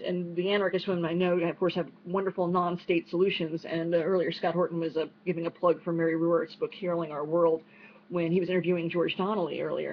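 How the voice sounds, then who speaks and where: A woman with a New York accent talks fast and casually, answering audience questions in a chatty way and restarting her sentences often. Her voice comes through a dull, lo-fi online stream. Faint noise runs underneath. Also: fairly low pitch. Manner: quick-talking, chatty with many fillers and restarts. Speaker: speaker at an online unconference.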